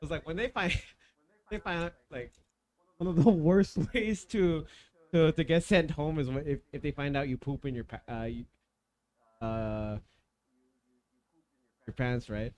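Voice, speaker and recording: Man, podcast host, casual rambling chat, slightly high voice. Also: a little slow, long pauses, darkish tone. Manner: rambling, full of restarts.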